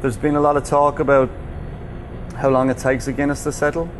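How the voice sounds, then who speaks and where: A Dublin-accented man talks through a bartending technique in an informal, unhurried way, proud of the craft. His mid-pitched voice sits in clearly audible ambient noise. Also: little pitch movement, poor audio. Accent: Dublin Irish. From Ireland. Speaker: bartender demonstrating a pour. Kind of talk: informal spoken tutorial.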